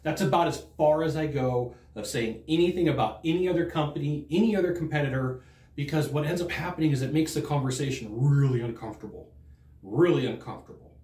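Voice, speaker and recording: The studio sounds roomy as a middle-aged sales trainer, high-ish and quick-talking, teaches directly to a fixed camera from a desk in front of a green screen. He acts out what customers say in a lively, conversational manner.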